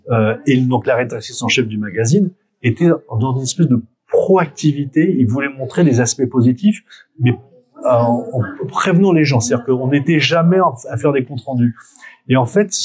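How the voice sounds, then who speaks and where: In a low-quality recording, a middle-aged French photographer reminisces during an interview, his medium-pitched voice a little mellow and slightly rough. His spontaneous answers come hesitantly, full of self-corrections and word repetitions.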